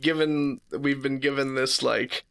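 A man's voice: mid-range voice, little pitch movement, measured pace, gravelly, a bit bright, smooth. A man co-hosting a podcast, chatting casually, laughing often and chiming in with short agreements. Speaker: podcast co-host. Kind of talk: casual chat.

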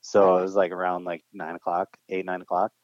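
A man's voice: sits low, monotone, a little fast, no echo. A young man hosting a podcast in casual chat, laid-back and slangy, laughing often. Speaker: podcast host. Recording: muffled dull sound.

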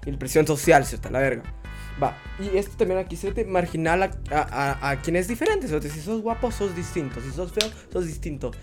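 A man with a Guatemalan accent talks in a high, light register. He co-hosts a casual podcast and keeps up crude, slangy banter peppered with swearing. Faint music plays underneath. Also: expressive, brisk. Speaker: podcast co-host.

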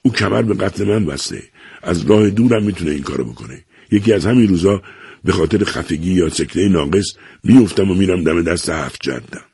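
A man's voice: low-pitched, lively intonation, vocal fry, warm tone, breathy edge, no room sound, clean studio sound, full character voice. A man reading a novel aloud, voicing a middle-aged son who pleads emotionally and self-pityingly with his father. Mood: desperate.

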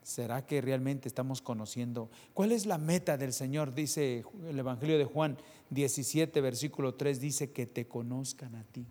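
A male preacher delivering a sermon to his congregation, firing rhetorical questions at them and swinging between soft, low passages and loud, rising ones. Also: normal speed. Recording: long reverb of a hall.

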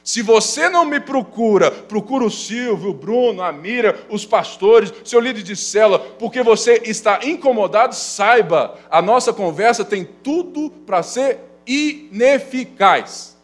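A man preaching a sermon as pastor, swinging from loud urgent passages to low quiet asides and acting out quoted complaints. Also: expressive, measured pace, few pauses. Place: church.

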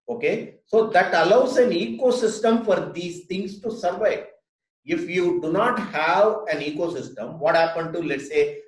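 Echoey, higher-pitched Indian man debating. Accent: Indian English. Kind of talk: casual debate. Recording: echoey room sound.

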